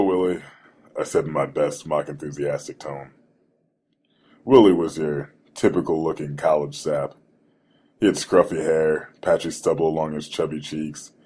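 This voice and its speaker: A young man narrating his own story in a dry, deadpan and wry manner. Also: extremely low pitch, husky. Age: young adult. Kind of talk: scripted first-person narration. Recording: guitar music under the voice.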